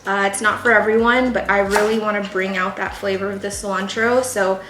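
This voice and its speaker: A young woman from San Jose, California hosts a casual cooking tutorial in her home kitchen, chatting and rambling with plenty of fillers. Her mid-range voice is fairly even in intonation and a little fast. The echoey kitchen is noisy with cooking clatter: pots, dishes and knife clicks.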